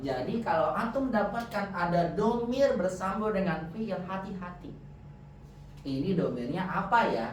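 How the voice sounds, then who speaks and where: A man's voice: high-pitched, lively intonation, unhurried, a little hiss or hum. A man teaching Arabic grammar in a classroom, quizzing his students with frequent questions. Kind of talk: classroom lesson. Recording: echoey room, distant dull mic.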